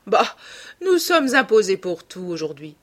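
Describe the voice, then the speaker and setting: A woman's voice: medium pitch, sing-song, unhurried, a bit bright. A worldly aristocrat tosses off paradoxes with lazy, mocking ease, as a woman narrator reads his lines. He sounds amused by everyone, never quite serious. It is an audiobook reading. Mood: amused, languid. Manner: languid, epigrammatic, lightly mocking. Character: witty, cynical aristocratic gentleman.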